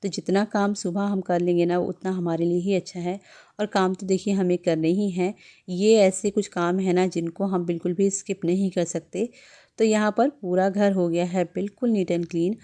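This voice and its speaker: A woman narrating her home vlog as a voice-over in a gentle, chatty manner, giving homemaking advice to her viewers. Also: lowish voice, level tone, normal speed. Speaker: homemaking vlogger.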